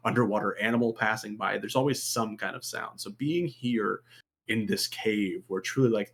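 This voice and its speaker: A man narrates a tabletop game as its game master, easygoing and padded with fillers. His voice has a gravelly, slightly husky grain. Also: fairly low pitch. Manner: relaxed, filler-heavy talk. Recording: live stream chat.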